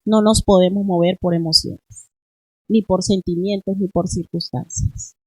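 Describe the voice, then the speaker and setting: A woman's voice: on the low side, steady tone, measured pace, mellow, slightly rough, no room sound, rough recording. A middle-aged woman pastor preaching a sermon in church, asking the congregation question after question. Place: church in Spain.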